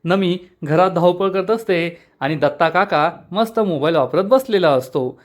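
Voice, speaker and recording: High-voiced man retelling a soap episode. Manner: brisk storyteller voicing every character himself. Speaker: serial episode recap narrator. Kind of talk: spoken story retelling.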